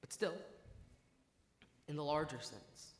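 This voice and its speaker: An actor playing a wistful, chatty theatre fan who narrates to the audience, talking in a confiding, digressive way. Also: male voice, on the high side, takes it slowly. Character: wistful, rambling middle-aged male theatre fan. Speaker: stage narrator. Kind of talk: stage musical acting. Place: theatre stage. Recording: echoey theatre hall.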